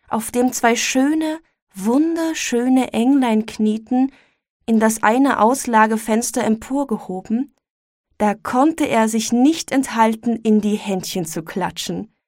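A woman reading a classic story aloud as narrator, measured and expressive. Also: on the high side, no room sound, clean studio sound.

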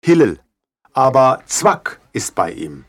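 A man narrating an audiobook in first person, slow, intense and introspective. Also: mid-range voice, big pitch swings, slight background noise.

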